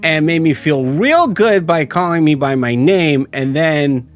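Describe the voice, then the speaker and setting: A game master voicing a young, defensive desert local in a tabletop game, whiny and quick to take offense. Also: medium pitch, animated, faint music behind, close to an everyday voice. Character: defensive twenty-year-old desert local. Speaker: non-player character in a tabletop game.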